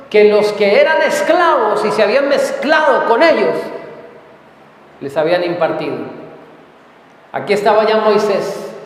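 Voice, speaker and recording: A man preaching a sermon as pastor, emphatic, repeating words and asking the congregation questions. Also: high voice. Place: church sanctuary. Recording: very echoey hall with long reverb.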